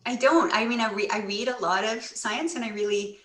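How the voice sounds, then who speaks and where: A woman in her forties, a children's author, telling stories and answering questions with lively acted-out quotes. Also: a little high, a little fast. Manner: animated storytelling, acts out quoted voices. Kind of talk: book presentation and Q&A. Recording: echoey room, a little off-mic.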